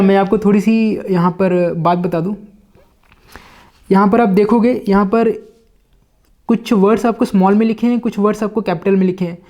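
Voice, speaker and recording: A man with an Indian English accent teaching vocabulary, reading English lines slowly and then explaining in Hindi with many fillers. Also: high-pitched, warm tone. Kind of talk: Hindi-English lesson explaining a book line by line.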